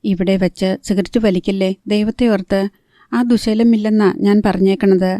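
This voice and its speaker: A woman's voice: medium pitch, steady tone, normal speed, mellow, no room sound, studio quality, close to an everyday voice. A woman reading the part of an anxious, practical young woman who pleads earnestly and keeps her voice down. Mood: pleading.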